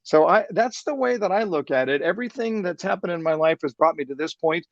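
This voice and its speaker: A man's voice: high voice, animated, a little fast, dry recording, muffled recording. A man in his sixties, a sales trainer speaking as a guest, enthusiastic and motivational, often repeating words as he starts a thought. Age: 60s. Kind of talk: upbeat interview talk.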